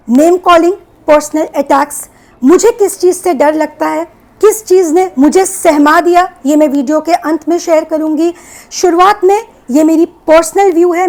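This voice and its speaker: A young woman giving an earnest, measured opinion monologue as a vlogger, mixing English words into her talk. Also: sits high, a little mellow, rough recording.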